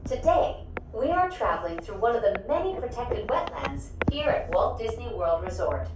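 A woman giving a cheerful, lilting scripted ride announcement, played over a loudspeaker inside a moving cabin. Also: on the high side, very animated, moderate pace. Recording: muffled echoey speaker, far off, noisy cabin.

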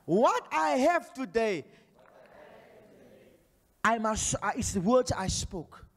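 A man from Namibia preaching a charismatic sermon on a large church stage into a handheld mic, shouting declarations and prophecies while he paces and gestures. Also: high-pitched, very animated, slow. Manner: pacing and gesturing energetically. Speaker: pastor. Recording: long hall reverb.

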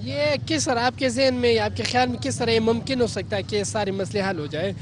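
A man's voice: extremely high pitch, fairly quick, background noise. A man, working as a street reporter and asking passers-by formal questions, with many "uh" fillers. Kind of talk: vox pop interviewing.

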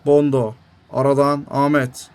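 A young man commentating his own football video game, shouting at goals and griping at the referee. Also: medium pitch, flat delivery, unhurried, smooth. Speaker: gaming YouTuber.

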